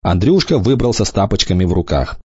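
A man reading a children's novel aloud in an expressive way, shifting into voices for the characters. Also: low-pitched, fast, husky, no echo, dull audio. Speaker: audiobook reader.

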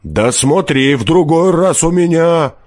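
A man's voice: on the low side, fairly even intonation, measured pace, a little mellow, breathy edge, no room sound, studio quality. A man reading an audiobook, voicing a stern forester who speaks curtly and grumbles. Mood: gruff. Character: gruff stern male forester, curt.

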